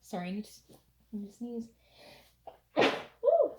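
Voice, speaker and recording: A woman's voice: medium pitch, steady tone, quick pace, muffled recording. A young woman giving a casual tarot reading, chatty and full of fillers, laughing now and then. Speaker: tarot reader.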